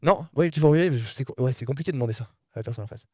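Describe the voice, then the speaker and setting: Male conference speaker, rapid-fire and mumbly, mellow tone, dry close sound, lots of repeats and restarts. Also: mid-range voice, dry recording. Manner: talks fast and mumbles his words; often repeats words and restarts sentences. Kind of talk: lively conference talk addressing the audience.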